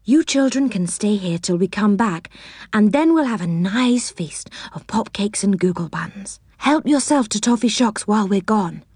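A soft, soothing fairy woman, read aloud by a woman, her voice kind and rising and falling. Dry and close, like a bedside story. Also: medium pitch, animated, moderate pace, slightly rough, no room sound. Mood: gentle.

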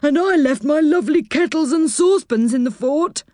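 Saucepan Man, high and sorry, voiced by a woman. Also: expressive, measured pace, a little mellow, dry recording, studio quality. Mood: sad. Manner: apologetic, rambling. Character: sorry, simple-hearted male tinker figure.

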